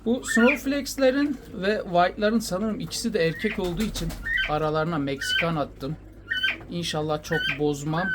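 Man, casual bird vlog, fond and soothing, noisy with cooing birds. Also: on the high side. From Turkey. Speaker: quail keeper showing his birds. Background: cooing birds, pigeons.

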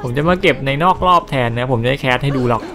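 A man's voice: mid-range voice, fast talker, a crowd in the background. A man casually narrating his gameplay, chatty and loose, dropping coarse slang and mild swears. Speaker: gameplay commentator. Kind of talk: casual let's-play commentary.

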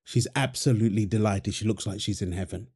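Husky and lowish with a darkish tone, this man talks a little fast as he voices a young father feeding his baby girl in a wholesome audio roleplay. He's affectionate and playfully teasing, laughing a lot.

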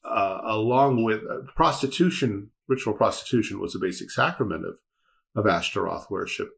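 A man's voice: lowish voice, normal speed, creaky. Man telling a Bible story in a casual talk. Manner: rambling, repeats words, animated storytelling. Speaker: host and Bible teacher.

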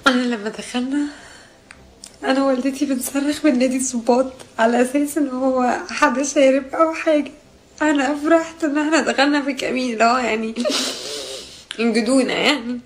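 A young woman from Jordan with a high voice recounts something personal. She sounds distressed and agitated, breaking off and restarting her sentences. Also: a little fast, slight background noise. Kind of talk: emotional personal account.

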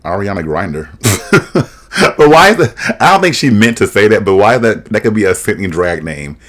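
His voice is on the low side and fairly bright, with big pitch swings and a moderate pace. The young man is doing casual reaction commentary from a small room on a webcam and desk mic, laughing a lot and cracking sassy, shady jokes.

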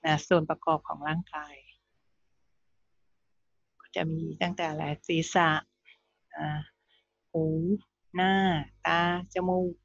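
A woman teaching young pupils English, slowly spelling out words letter by letter and repeating them patiently. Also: low voice, little pitch movement, creaky, no room sound, highs cut off. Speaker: primary school English teacher.

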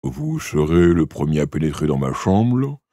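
A man voicing a weary, stern old king in an audiobook, speaking slowly and gravely. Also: sing-song, warm tone, no room sound, studio quality, full character voice. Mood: confiding. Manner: slow, low and deliberate, dropping to confiding. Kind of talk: audiobook character voice.

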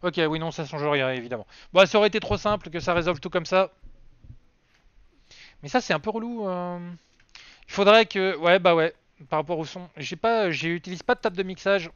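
A man's voice: sits high, normal speed, fairly bright tone, clear, resonant tone, no room sound. A man chatting casually on a game live stream, rambling and self-mocking with lots of fillers. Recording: dry, slightly dull lo-fi sound.

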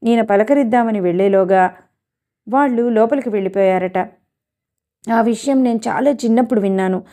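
A woman's voice: fairly high pitch, moderate pace, mellow, lightly acted. A woman reading the part of a young woman who earnestly speaks about the father who left her. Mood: wistful.

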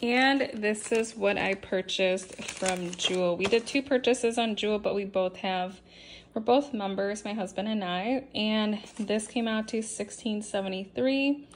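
A woman's voice: medium pitch, a little slow, slight background noise. A young woman casually talking through her week's groceries at home in a chatty, list-like way, with frequent ums and restarts. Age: young adult. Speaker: vlogger. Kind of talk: casual grocery haul narration. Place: home kitchen, indoors.

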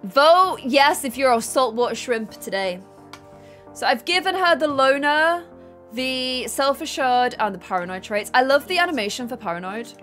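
A young woman chatting excitedly while live-streaming a game, laughing often. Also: high voice, normal speed, soft background music.

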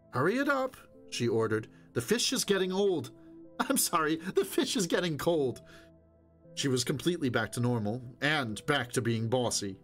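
A man narrating a novel in a steady, measured reading voice. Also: mid-range voice. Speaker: audiobook reader.

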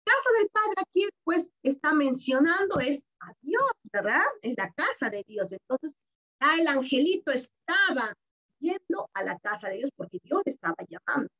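High, lively Peruvian woman teacher. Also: moderate pace, rough recording. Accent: Peruvian Spanish. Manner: warm-toned, explanatory, keeps asking "¿verdad?". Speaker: primary school teacher. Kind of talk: reading comprehension lesson for children.

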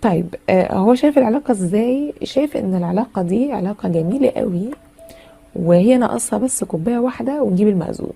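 A woman's voice: medium pitch, expressive, fast talker, creaky, dark tone, breathy edge. A woman with an Egyptian Arabic accent giving a chatty, casual tarot reading full of fillers and teasing asides. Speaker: tarot reader.

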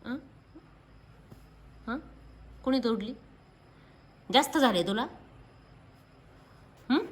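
A woman vlogger at home, scolding and asking the same sharp question again and again. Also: fairly high pitch, very slow. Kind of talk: casual home video.

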